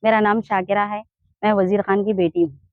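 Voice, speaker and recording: A woman's voice: medium pitch, fairly even intonation, brisk, no echo, narrow, tinny audio. A woman with a Hyderabadi Urdu accent, giving an urgent, pleading complaint in a street interview. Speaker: interviewee in a land dispute.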